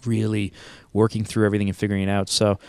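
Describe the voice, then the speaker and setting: A man's voice: on the low side, completely flat delivery, fast, darkish tone, clean tone, no room sound. A man who owns an agency and hosts a podcast, answering in a casual, rambling way with frequent restarts and easy laughs. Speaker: agency owner and podcast host. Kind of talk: casual conversational interview answers.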